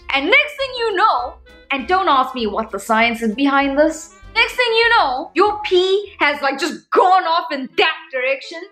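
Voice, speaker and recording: Animated South African woman vlogging. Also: high-pitched. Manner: animated, sarcastic storytelling. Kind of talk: casual comedic vlog monologue.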